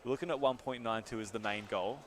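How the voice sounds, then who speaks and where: A man's voice: mid-range voice, fast talker, fairly bright tone, a little hiss or hum. A man commentating a live competition in a chatty, joking way with plenty of slang.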